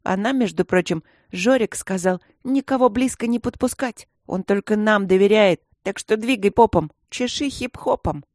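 A woman voicing a cocky, bossy schoolboy who boasts and shouts in a storybook. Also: mid-range voice, normal speed, hardly any pauses, no room sound, clean studio sound, voice pushed up, lightly acted. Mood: taunting. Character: cocky loud schoolboy boss.

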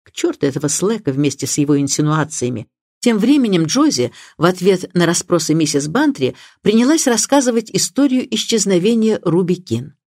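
A woman narrating a classic detective novel audiobook in a measured, expressive reading. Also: fairly low pitch, no room sound, studio quality. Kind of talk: scripted narration.

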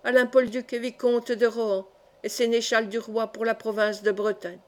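A woman reading aloud, voicing a tall masked man who speaks calmly and coldly, with bitter mockery. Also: a little high, normal speed, natural voice. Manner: calm, cold, even. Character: calm masked male stranger, tall, cool and bitterly mocking.

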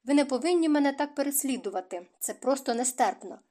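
A woman's voice: high-pitched, lively intonation, fast talker, warm tone. A woman reading a composed young society lady who speaks with patient, cool firmness. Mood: patient firm.

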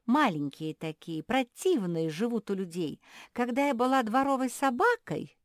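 A woman voicing an excitable, forgetful young schoolgirl with a very high voice. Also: normal speed, background noise, natural voice. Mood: curious.

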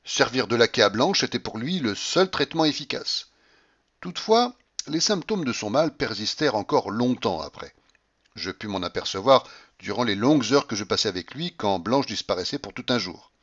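A man narrates a classic novel with theatrical, emphatic phrasing and a lively, swinging pitch around a mid-range voice. The recording has a dull, lo-fi sound. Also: moderate pace. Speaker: audiobook reader. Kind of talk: expressive literary narration.

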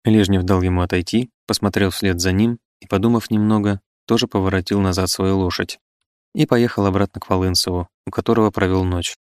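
Low-voiced man narrating a classic novel. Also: fairly even intonation, brisk, dry recording, clean studio sound. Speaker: audiobook narrator. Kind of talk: scripted literary narration.

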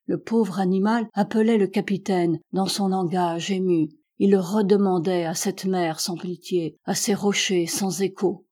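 A woman reads a literary audiobook in a measured, steady manner. Her voice is mellow and dark-toned, with a soft husky edge. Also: mid-range voice. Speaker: audiobook reader.

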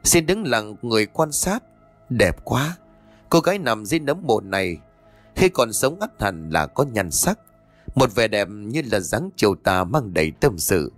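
A man narrating a spoken audio story in an expressive, measured storytelling manner. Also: on the low side. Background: faint background music.

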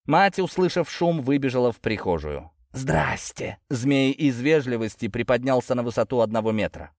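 Male narrator, fantasy audiobook, animated pitch, dry close recording. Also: a little fast, no room sound.

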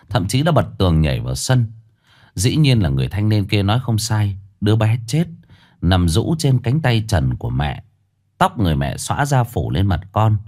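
Lively low-voiced male storyteller. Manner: grave, dramatic storytelling. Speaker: horror story narrator. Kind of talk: scripted horror narration. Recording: faint music behind.

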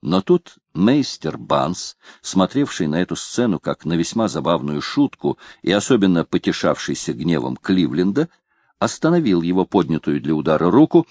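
A man reading a story aloud as narrator, in steady storytelling fashion. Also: lowish voice, no room sound, clean studio sound. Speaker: audiobook narrator. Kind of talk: scripted narration.

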